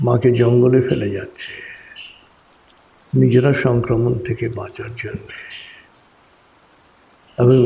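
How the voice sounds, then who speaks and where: Slow, mellow man guiding a meditation. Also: mid-range voice, creaky, low-quality recording. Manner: deliberate, soothing, short phrases with long pauses. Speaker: guided meditation leader. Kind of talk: guided meditation, slow hypnotic countdown and narration.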